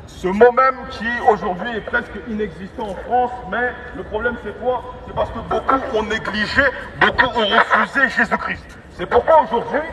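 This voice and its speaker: A street evangelist with a very high-pitched voice preaches through a megaphone in a busy urban outdoor space, declamatory and repetitive with halting restarts. The amplified voice sounds distant and echoing amid street bustle, crowds and vehicles.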